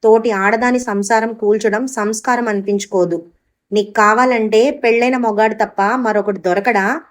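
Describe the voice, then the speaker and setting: A woman's voice: on the high side, fairly even intonation, normal speed, natural voice. A woman reading the part of a scornful young mistress with cutting retorts.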